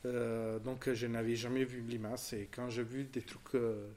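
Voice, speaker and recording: A man in his forties from southern Italy speaks French with an Italian accent, in an ordinary middle pitch and a level, slightly mellow tone. Visiting an exhibition, he discusses it in casual, unhurried conversation. He hesitates, hunts for words, restarts often, and links his thoughts with fillers.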